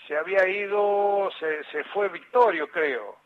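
A man's voice: sits high, unhurried, narrow, tinny audio. An older man with an Argentine accent, a former footballer telling rambling anecdotes in an interview, often restarting and quoting others. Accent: Argentine Spanish. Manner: rambling, with many restarts and acted quotes. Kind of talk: anecdotal storytelling.

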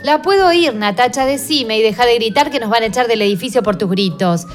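A woman's voice: fairly high pitch, expressive, a little fast, soft background music, pitched below the performer's own voice, natural voice. A woman voicing an exasperated, scolding mother, in a storybook reading. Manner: scolding, impatient.

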